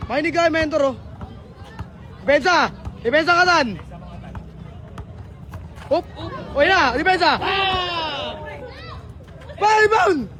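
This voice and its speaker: A man with a very high voice yells hyped, trash-talking commentary from the sidelines of a basketball game. A crowd chatters close by. Clear street noise comes through the phone recording outdoors. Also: a little slow, long pauses. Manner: excitable, trash-talking, yelling. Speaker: vlogger calling a street basketball match. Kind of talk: excited courtside commentary.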